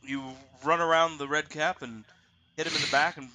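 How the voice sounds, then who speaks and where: A man running a tabletop roleplaying game as game master, narrating haltingly and piecing sentences together. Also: a little high, steady tone, bright, forceful tone, rough recording.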